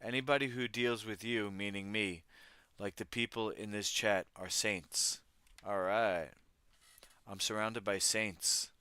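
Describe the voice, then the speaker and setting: A man's voice: fairly low pitch, fairly even intonation, unhurried, sharp tone, smooth, no room sound. A man hosting a livestream, reading news stories aloud and riffing on them with wry, irreverent asides to his chat. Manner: reads articles aloud, then riffs on them. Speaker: livestream host. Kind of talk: casual news commentary.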